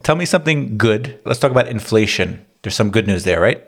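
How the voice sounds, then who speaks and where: A man's voice: on the low side, animated, brisk, a bit bright. Joking man hosting a podcast. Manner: joking, teasing interjections. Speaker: podcast host. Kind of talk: casual podcast conversation.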